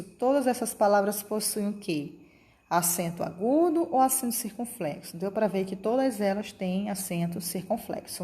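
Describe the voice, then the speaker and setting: A woman's voice: medium pitch, mellow. A woman teacher, giving a lesson to children and checking in often with short questions. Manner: patient, explanatory, checks in with "tá?" and "ok?". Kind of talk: remote class lesson for children.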